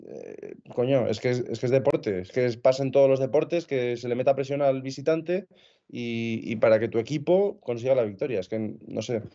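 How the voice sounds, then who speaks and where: A man's voice: medium pitch, lively intonation, normal speed, warm tone. A man on a sports panel, arguing heatedly and swearing freely. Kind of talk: casual sports talk show. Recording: dull lo-fi video call audio.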